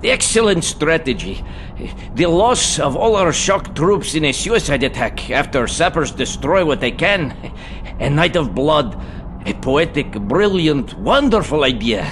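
An actor playing a frightened military officer in an audio drama, halting and full of flattery. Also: male voice, fairly high pitch, a little hiss or hum, exaggerated voice. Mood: fearful flattery. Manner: halting, fawning.

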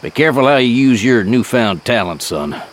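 A man voicing a stern middle-aged father who gives slow, grave warnings to his son in an audiobook. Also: medium pitch, lively intonation, slight background noise, pitched above the performer's own voice, lightly acted. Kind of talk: audiobook character voice.

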